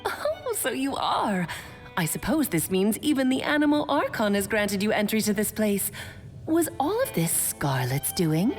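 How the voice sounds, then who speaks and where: A woman's voice: medium pitch, very animated, unhurried, faint music behind. A woman voicing a grand, playful mother witch who speaks theatrically and coyly and tells an ancient story, in a video game. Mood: storytelling. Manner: theatrical, coy.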